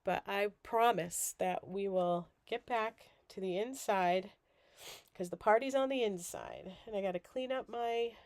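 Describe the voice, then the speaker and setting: A woman's voice: medium pitch, unhurried, no echo. A woman hosting a casual crafting livestream while groggy and sick with a cold, chatty and rambling. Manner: rambling, chatty, self-deprecating.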